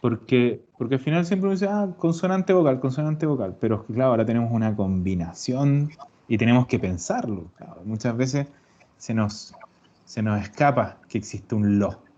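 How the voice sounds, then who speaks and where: A man teaching an online language class, explaining patiently and slowing down to repeat example words. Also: medium pitch, dark tone. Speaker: Italian teacher. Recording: dull lo-fi recording.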